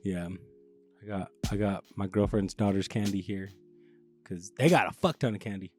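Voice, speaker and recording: A man's voice: on the low side, moderate pace, a little mellow, soft background music. A young man from the Los Angeles area, hosting a casual chat, rambling with many restarts and plenty of swearing. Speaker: podcast host.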